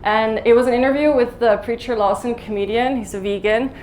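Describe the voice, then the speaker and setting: A woman giving a live conference talk, speaking fast and chatty with lots of "like" and "um" fillers. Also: a little high, a little mellow, a little hiss or hum. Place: conference hall in Mumbai.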